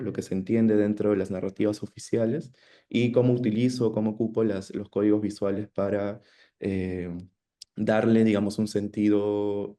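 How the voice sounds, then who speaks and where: Warm in tone and on the low side, a man from Peru's Amazon region talks through his art practice as a panel's guest artist over video. He pauses often, sounds hesitant and thoughtful, and leans on tag questions.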